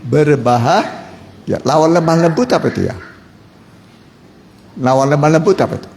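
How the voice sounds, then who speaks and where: Pastor, male, gravelly voice, call-and-response sermon in an echoey church hall with faint noise. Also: on the high side, animated, moderate pace, darkish tone. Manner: quizzes the congregation, jokes, repeats key words.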